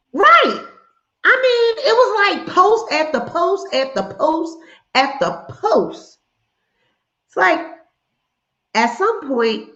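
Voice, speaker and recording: A high-voiced woman from hosts a casual gossip livestream, sassy and animated. The sound is dull and lo-fi, and it echoes around the room. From Philadelphia, USA. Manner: sassy, animated, laughing asides.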